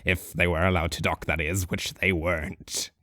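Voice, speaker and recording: A man voices a deep, rambling old drunk of a hobo sage, musing slowly through a monologue in a level, pushed and bright tone. Dry chuckles break up his thoughts, and the recording is close and dead-dry.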